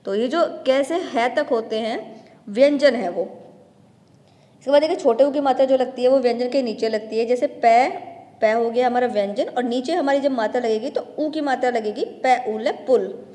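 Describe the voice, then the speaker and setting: Woman teacher, kinda high voice, sounds out each syllable slow for little kids, long echo. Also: mellow. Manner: spells out syllables slowly, stretching long vowels; addresses children directly, patient explaining tone. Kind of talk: grade-one grammar lesson.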